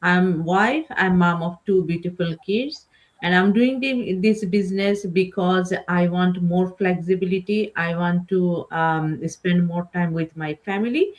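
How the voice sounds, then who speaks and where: A woman's voice: lowish voice, measured pace. A woman from Bangladesh introducing herself on an online panel, polite and a little hesitant, over a video call. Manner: hesitant, polite, many fillers. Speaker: panel guest.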